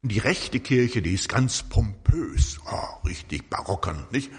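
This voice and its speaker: A man's voice: on the low side, a little slow, husky. Older guy preaching, rises and falls a lot, keeps going "right?", echoey hall. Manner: lively storytelling with frequent tag questions. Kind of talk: sermon.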